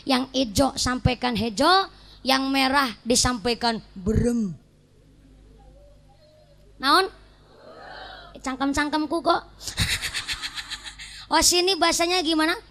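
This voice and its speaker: A woman preacher with a Banyumasan ngapak accent, giving a humorous sermon to a congregation and telling lively stories. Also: sits high, unhurried, gravelly, long pauses. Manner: lively storytelling, mimics voices and mixes local dialects for jokes. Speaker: female Islamic preacher.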